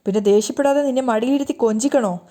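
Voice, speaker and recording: A woman's voice: on the high side, fast talker, natural voice. A woman doing a furious young husband. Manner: shouting, accusing.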